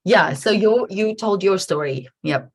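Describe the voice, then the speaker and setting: A woman hosting a casual conversation over a video call, talking in a reflective, halting way with many restarts. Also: medium pitch, lively intonation. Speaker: podcast host.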